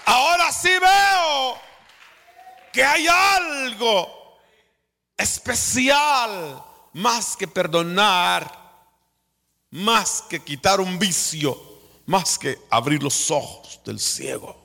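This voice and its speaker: A Guatemalan man with a Guatemalan Spanish accent preaches in a gravelly voice with a rough edge of fry. His delivery is unhurried and deliberate, and it swings from hushed whispers to fervent shouts. The sound carries the long echo of a large hall. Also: high-pitched, expressive. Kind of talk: sermon.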